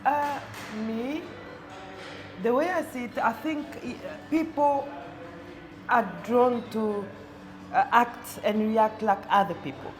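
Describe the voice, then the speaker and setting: A woman, born in Congo, speaking calmly and reflectively as an interview guest in a coffee shop. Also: fairly high pitch, takes it slowly, pauses often, faint music behind. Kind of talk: casual interview.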